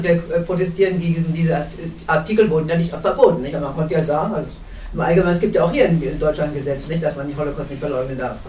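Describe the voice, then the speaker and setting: A woman's voice: fairly low pitch, darkish tone, a little hiss or hum. A German woman in her seventies, a panel guest recounting memories in an earnest way, often restarting her sentences as she searches for words. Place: cinema hall. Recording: echoey hall, distant mic.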